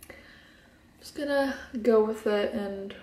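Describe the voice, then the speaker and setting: Her voice is a little high, slow and dark as this sleepy twenty-something beauty vlogger from Israel, whose first language is Hebrew, chats casually while getting ready. She sits in her bedroom doing makeup, laid-back and peppering her talk with ums and likes. The camera sits close on the desk, and the room sounds echoey.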